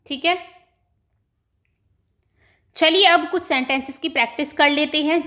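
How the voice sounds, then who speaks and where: A woman with a Hindi accent teaches an online beginner lesson in a high, light voice. She moves at an unhurried pace, saying example words slowly and twice. She keeps checking that listeners follow. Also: fairly bright tone. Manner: often adds "ठीक है" to check in. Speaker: language teacher. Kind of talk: slow explanatory online lesson.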